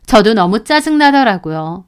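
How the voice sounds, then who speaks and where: Woman, high voice, indignant first-person story narration, confiding tone. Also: sing-song, moderate pace, clean tone.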